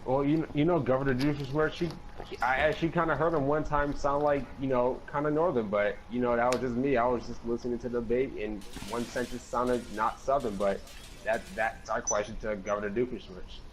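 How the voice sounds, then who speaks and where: A man's voice: mid-range voice, fairly even intonation, a little fast, slight background noise, rough recording. A man hosting a parody political panel, rambling with lots of fillers and repeated words in an improvised online chat. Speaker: mock political panel host. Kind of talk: improvised parody talk show.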